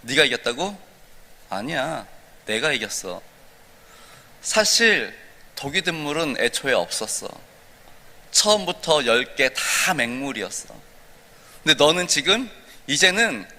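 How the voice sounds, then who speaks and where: A man's voice: medium pitch, very animated, measured pace, long pauses, sharp tone, heavily acted. A man voicing a sly devil who bargains and taunts, with a long church reverb. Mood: gloating. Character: sly tempting male devil, scheming and smug.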